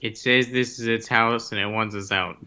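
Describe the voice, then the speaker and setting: A man's voice: fairly low pitch, steady tone, normal speed, pushed and bright, smooth. A man playing a tabletop role-playing game, talking casually as he reports what his character does.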